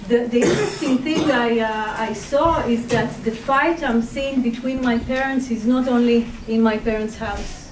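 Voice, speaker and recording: A woman with an Israeli accent talks reflectively to an audience, pausing often and searching for words. Her voice sits fairly high. She is picked up from a distance, with roomy echo around her. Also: noisy background. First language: Hebrew. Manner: reflective, hesitant, many pauses and fillers. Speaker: sex and relationship therapist. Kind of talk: personal talk to an audience. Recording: distant mic in an echoey room.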